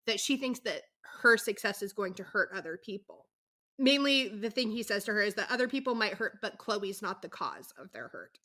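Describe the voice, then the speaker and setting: A woman co-hosting a podcast, recapping a show in a chatty, animated way, full of asides and fillers. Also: medium pitch. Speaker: podcast co-host. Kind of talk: casual chat recapping a reality show.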